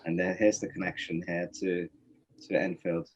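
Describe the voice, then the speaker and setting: A man's voice: low voice, flat delivery, moderate pace, breathy edge, highs cut off. A man from Norway, a poet and interview guest, giving thoughtful, reflective answers with many fillers and restarts on a webinar call. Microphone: webinar video call.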